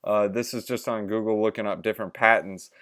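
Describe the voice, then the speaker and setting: A young man with a clear, smooth voice hosts a casual crypto review vlog. He talks like a crypto bro, pitching to his viewers with informal slang and hype. His explanations are loose and chatty. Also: steady tone, fairly quick, a bit bright. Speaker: crypto channel host.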